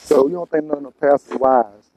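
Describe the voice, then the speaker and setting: A man's voice: fairly high pitch, brisk, warm tone, slight background noise, low-quality recording. A man chatting casually in blunt, profane street slang, often repeating himself to press his point. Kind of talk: casual conversation.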